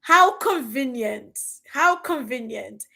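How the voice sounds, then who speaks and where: Woman, 40s, high voice, podcast guest on an impassioned, indignant rant. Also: expressive, slow, gravelly, sharp tone. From Uganda. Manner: passionate, indignant, emphatic.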